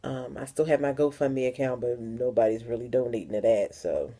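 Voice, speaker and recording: A woman's voice: rumbling low, brisk, warm tone. A young adult woman from the Philadelphia area, talking frankly and emphatically in a personal vlog, repeating words for stress. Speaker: vlogger.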